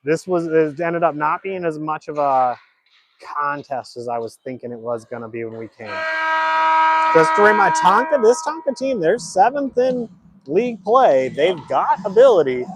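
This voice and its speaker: A man's voice: a little high, very animated, normal speed, slight background noise. A middle-aged man giving chatty, joking color commentary on a youth hockey game, full of stats.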